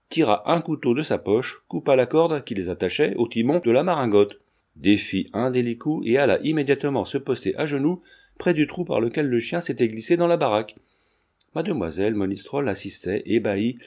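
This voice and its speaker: A man narrating a classic novel in a steady, measured reading voice. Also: medium pitch. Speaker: audiobook narrator.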